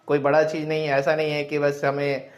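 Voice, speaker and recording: A man's voice: a little high, completely flat delivery, a little fast. A man teaching a biology class, who asks the class questions and answers them himself, mixing English terms into his Hindi. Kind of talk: classroom lecture.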